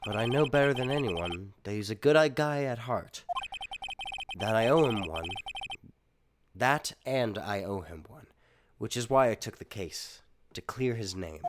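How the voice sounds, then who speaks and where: A man's voice: medium pitch, animated, measured pace, pauses often, background noise, pitched below the performer's own voice, lightly acted. A man reading a nervous rookie lawyer. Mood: earnest. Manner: earnest, flustered reading. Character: nervous young male rookie defense lawyer. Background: game music.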